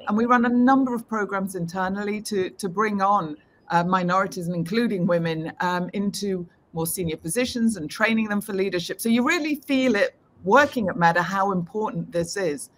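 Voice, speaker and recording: Over video call audio from her home, a tech executive from the United Kingdom, a woman in her fifties, responds to a remote interview. She talks fairly quickly in a mid-range voice, sounding fluent and upbeat.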